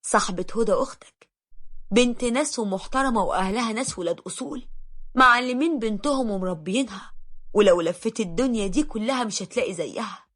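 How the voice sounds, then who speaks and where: A woman's voice: on the high side, brisk, fairly bright tone. A woman voicing a caring, insistent older mother persuading her son. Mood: persuasive.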